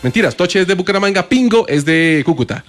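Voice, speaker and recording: A man's voice: sits high, lively intonation, fairly quick. A man with a Colombian Spanish accent co-hosting a call-in show in casual, slangy banter. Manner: slangy, colloquial. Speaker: radio show co-host. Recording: music playing behind the voice.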